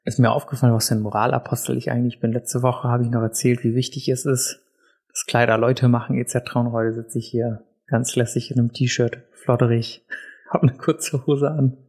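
A man's voice: medium pitch, flat delivery, a little fast, darkish tone, breathy edge. Man, podcast host, casual solo chat, self-deprecating, lots of ums, seated at a desk mic. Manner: chatty, self-deprecating, many filler sounds. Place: seated indoors in a room set up for recording. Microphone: podcast mic on a desk, also filmed for video.

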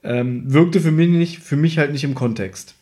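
Working from his notes, a man co-hosting a podcast goes over an audio drama in a relaxed, conversational way. His voice is on the high side and mellow, at a moderate pace.

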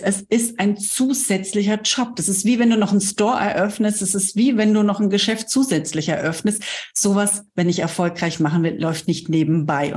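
A woman's voice: medium pitch, darkish tone. Woman host, direct, coaching tone, interview setting. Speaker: podcast host.

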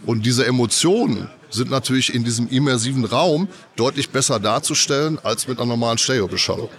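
In a casual interview at a trade fair, a man representing an audio company talks through the technology in a loose, filler-heavy style while suffering from a cold. He speaks at medium pitch and a little fast.

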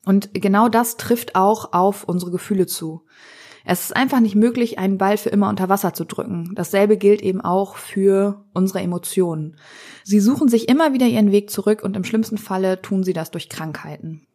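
A woman hosting a podcast, speaking calmly and earnestly in a reflective monologue. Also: mid-range voice, normal speed. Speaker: podcast host.

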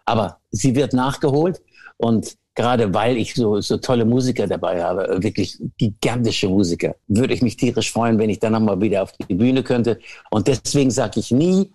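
A man's voice: fairly low pitch, normal speed, mellow. Older man rambling through anecdotes. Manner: rambling storyteller with frequent restarts and self-deprecating asides. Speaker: award-winning guest. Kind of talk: casual anecdotal chat.

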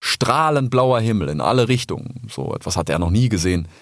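A man reading a children's storybook aloud in an expressive voice. His pitch moves a lot as he tells the story. The sound is dry and close to the mic. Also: fairly quick, dry recording. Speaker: audiobook narrator. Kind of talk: storybook narration.

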